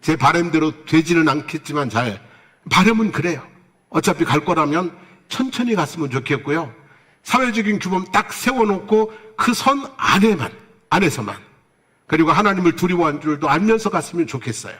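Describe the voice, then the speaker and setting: A man's voice: on the high side, lively intonation, brisk, fairly bright tone. A man preaching a Sunday sermon as pastor, who asks his congregation questions and answers them himself, with playful asides. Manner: tells jokes with playful asides.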